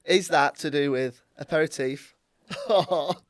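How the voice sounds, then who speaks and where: A man's voice: on the high side, measured pace, no echo. Man, Northern English accent, podcast host, jokey, upbeat, dry close sound. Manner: jokey, upbeat, laughs often. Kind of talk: casual chat.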